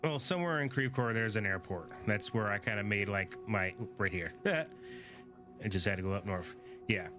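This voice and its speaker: A man's voice: on the low side, moderate pace. A tired young man casually commenting on his game, thinking aloud with fillers as he goes. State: tired, yawning. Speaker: gaming streamer. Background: game music.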